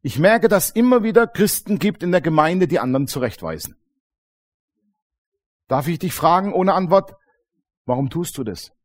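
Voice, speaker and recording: Lively German-speaking man preaching. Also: on the high side, moderate pace, pauses often. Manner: lively, colloquial preaching with acted-out dialogues and frequent "Amen". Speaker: pastor. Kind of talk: sermon. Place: church congregation.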